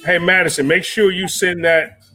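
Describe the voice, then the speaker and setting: Bright-voiced man hosting a live stream. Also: high-pitched, steady tone, moderate pace. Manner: greets viewers by name, laid-back slang. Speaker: host of a live stream show. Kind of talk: casual live stream chat. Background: jazz music playing softly.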